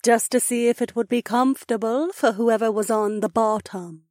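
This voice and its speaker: A man's voice: very high voice, fairly even intonation, normal speed, a little mellow, no echo, clean studio sound, pitched above the performer's own voice. A man voicing a flirtatious winged fairy queen who purrs and teases in a regal manner. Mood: teasing. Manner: purring, coy and teasing.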